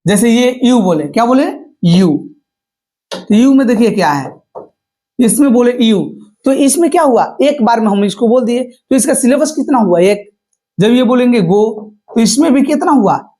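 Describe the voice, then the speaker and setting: Dark-voiced Indian grammar teacher. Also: male voice, very high voice, lively intonation, moderate pace. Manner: repeats questions to the viewer and answers them himself; addresses viewers as friend. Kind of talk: classroom-style explanation in Hindi.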